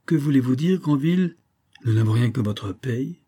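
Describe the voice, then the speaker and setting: A man's voice: medium pitch, lively intonation, normal speed, mellow, slightly rough, pitched above the performer's own voice. Man voicing a weary, spiteful lady. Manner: weary, sardonic, impatient. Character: bored, spiteful married woman with a cruel streak.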